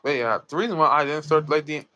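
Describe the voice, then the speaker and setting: A man's voice: a little high, fast talker, bright, forceful tone, highs cut off, a little hiss or hum. A young man chatting casually on a livestream, rambling and restarting his sentences, with some swearing. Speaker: co-host, story creator.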